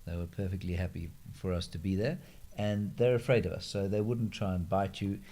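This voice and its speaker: A man's voice: deep voice, steady tone, brisk, mellow. A man hosting a casual live question-and-answer chat, holding a handheld microphone and talking with dry, self-mocking humour. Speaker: host.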